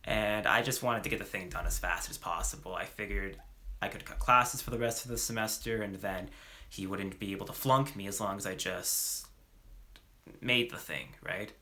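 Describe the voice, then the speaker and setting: A young slacker-turned-dealer, remorseful and unsure, played by a man in a monologue. He talks in halting, slangy bursts with lots of "like" and restarts. His voice sits low, with a bright, tense edge. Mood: reminiscing. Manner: hesitant, slangy, full of fillers and restarts. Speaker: actor. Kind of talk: dramatic monologue performance.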